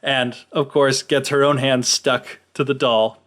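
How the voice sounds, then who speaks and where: A man's voice: mid-range voice, unhurried. A man co-hosting a podcast, casually retelling a folktale with lots of fillers. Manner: animated, filler-heavy retelling. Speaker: podcast co-host. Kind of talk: casual storytelling.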